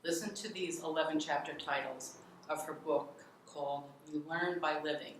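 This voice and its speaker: A woman who works as a school fundraising director, introducing and reading favorite quotes in a friendly, slightly halting way. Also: low voice, fairly even intonation, slight background noise. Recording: very echoey room, voice from a distance.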